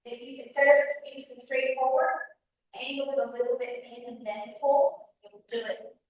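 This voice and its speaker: A woman's voice: high-pitched, fairly even intonation, normal speed. A woman instructing a group fitness class, calling out short directive cues and encouragement. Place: indoor room, on camera for a class. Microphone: camera mic from a distance. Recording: echoey room, distant microphone.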